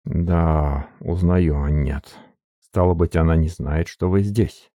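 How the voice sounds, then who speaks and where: Man doing a smooth tired old official, slow and measured, very deep and dark, dry sound. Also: no room sound. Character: suave, weary older male privy councillor. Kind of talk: audiobook character reading.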